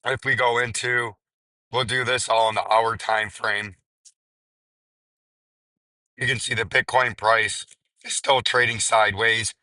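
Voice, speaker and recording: Male crypto chart commentator, hoarse and strained, very forceful raspy edge, flat lowish delivery. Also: measured pace, pauses often, no echo, low-quality recording. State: hoarse, voice nearly gone. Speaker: crypto video host.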